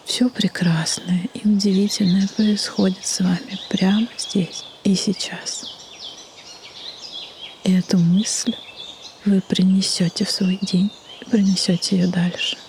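Woman, guided meditation, very slow pace, soft breathy half-whisper, soothing, birdsong and faint noise behind. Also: mid-range voice, flat delivery. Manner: slow, soothing delivery with long pauses. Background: birdsong and nature ambience.

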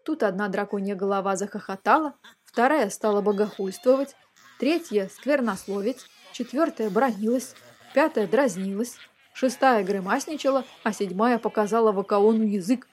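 A woman reading a fairy tale aloud for children, lively and expressive, speaking straight to the young listeners. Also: medium pitch, normal speed. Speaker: storyteller.

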